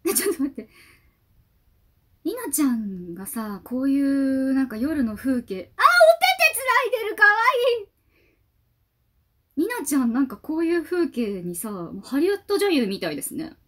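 High, lively excitable woman fan. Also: normal speed, pauses often. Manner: gushing, excitable, talks to herself. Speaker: YouTuber reacting to a music video. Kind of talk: casual fan reaction commentary.

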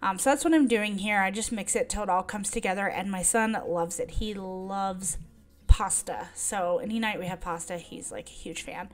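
A woman's voice: mid-range voice, normal speed, soft background music. A middle-aged woman narrating her cooking and cleaning in a casual, rambling voice-over full of ums. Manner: chatty, rambling with many ums. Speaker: vlogger.

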